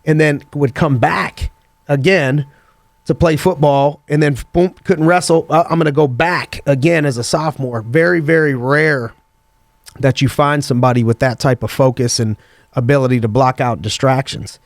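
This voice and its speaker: A man's voice: medium pitch, moderate pace, dry recording. A man hosting an interview podcast, upbeat and conversational, asking a young guest about his background. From United States. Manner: hyped, energetic opener, then conversational. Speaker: podcast host. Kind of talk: casual interview.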